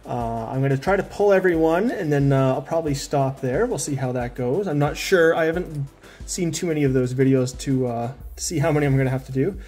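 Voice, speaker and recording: A man's voice: mid-range voice, brisk, a little mellow, faint music behind. A man in pain and a little out of breath, chatting in a rambling way while he unboxes collectibles as a vlogger. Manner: chatty, rambling, with many restarts and fillers. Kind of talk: casual unboxing talk.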